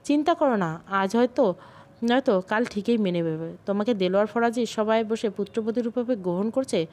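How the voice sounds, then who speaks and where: Soft, reassuring young wife in an audio storybook, voiced by the female narrator. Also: medium pitch, normal speed, lightly acted. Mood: gentle.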